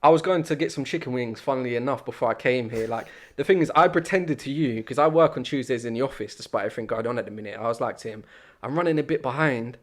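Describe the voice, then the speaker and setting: A man's voice: medium pitch, fast, hardly any pauses. A young man co-hosting a podcast, rambling through stories in casual chat. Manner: rambling, animated storytelling. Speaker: podcast co-host.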